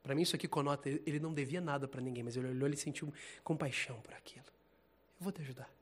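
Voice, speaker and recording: A man preaching an informal sermon in a casual, animated, slangy way, laughing often. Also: medium pitch, rapid-fire.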